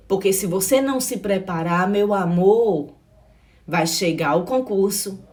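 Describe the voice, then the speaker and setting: A middle-aged Brazilian woman with a mid-range, slightly mellow voice and a Brazilian Portuguese accent gives a passionate, blunt exam-prep pep talk. She is emphatic, repeats phrases, calls her listeners "meu amor" and swears now and then.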